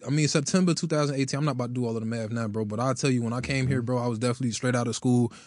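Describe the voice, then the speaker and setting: American man, thirties, very quick pace, casual slangy storytelling, checks the listener follows, close dry sound. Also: medium pitch, fairly even intonation, darkish tone, no room sound. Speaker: gospel radio presenter, interview guest.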